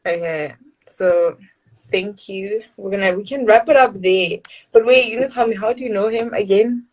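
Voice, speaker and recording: A woman's voice: mid-range voice, moderate pace, a little mellow, rough recording. A woman from Johannesburg with a South African accent, hosting a casual interview and laughing often. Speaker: host.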